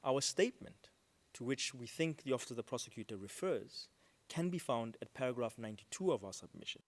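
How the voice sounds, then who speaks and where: A man delivers a formal legal rebuttal in a courtroom, speaking into a desk microphone at a middling pitch. He is measured and deliberate, fills gaps with ums, and leans hard on the words that carry his point. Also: animated. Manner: measured, with frequent ums and stresses on key words. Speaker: counsel for a state at a court hearing.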